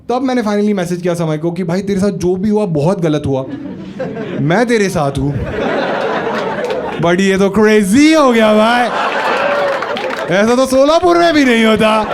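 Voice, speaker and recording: A high-pitched man from Maharashtra, India, does stand-up on a comedy club stage, spinning a chatty story and quizzing the audience. Background noise and audience laughter come through.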